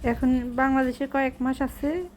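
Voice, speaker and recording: High-voiced woman, noisy recording. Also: little pitch movement, moderate pace, darkish tone. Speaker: vlog host teaching a child Bengali. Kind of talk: home vlog narration with simple repeat-after-me prompts.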